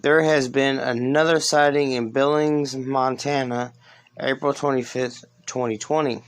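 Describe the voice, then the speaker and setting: Male podcast host, mid-pitched, unhurried and halting, reading a script with casual asides. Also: steady tone. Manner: halting, stumbles over words and corrects himself.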